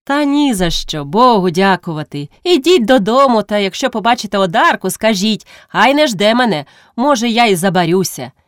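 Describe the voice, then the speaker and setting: A woman's voice: mid-range voice, animated, normal speed, few pauses, no room sound, clean studio sound, close to an everyday voice. A woman voicing a cheerful, outspoken, good-hearted peasant man who exclaims with animation.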